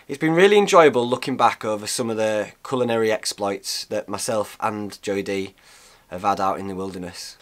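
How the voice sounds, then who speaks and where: Talking to the camera from a small, cosy space, an outdoor cooking vlogger in his thirties keeps things chatty and rambling, full of restarts and fillers. He has a lowish voice with a fairly bright tone.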